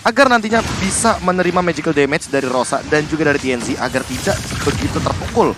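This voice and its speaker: A man's voice: fairly high pitch, fast, over music. A man giving analytical esports commentary, explaining play in long unbroken sentences.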